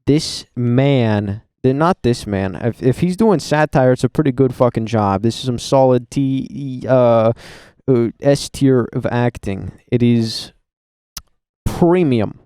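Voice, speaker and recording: A man's voice: mid-range voice, slow, warm tone, clear, resonant tone, no echo, clean studio sound. A man giving a rambling, profane, sarcastic voice-over commentary for his own video. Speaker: commentary YouTuber. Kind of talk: casual reaction voice-over. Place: voice-over recorded at a computer.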